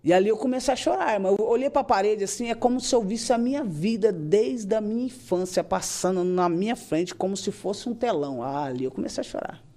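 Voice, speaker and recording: A woman tells an emotional religious testimony. Her voice is mellow and a touch dark. She talks earnestly and acts out her own prayers as she goes. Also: medium pitch, expressive, a little fast, hardly any pauses. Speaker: guest giving a church testimony.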